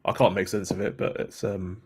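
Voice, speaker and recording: A man's voice: low-pitched, little pitch movement, brisk, husky. A man, chatting casually as a guest and often restarting his sentences. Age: 20s. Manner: hesitant, many restarts and fillers. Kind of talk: casual chat.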